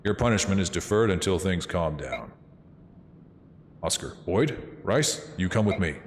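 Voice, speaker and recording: A man voicing a stern older mercenary commander and father who gives grave, measured orders. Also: sits low, expressive, long reverb tail, slight background noise.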